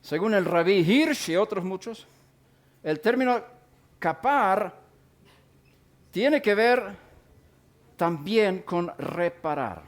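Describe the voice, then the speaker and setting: A middle-aged man gives a sermon-style Bible lesson in a fairly high voice that swings widely up and down. He speaks deliberately, pausing to define and repeat his key words. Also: animated. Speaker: Bible teacher.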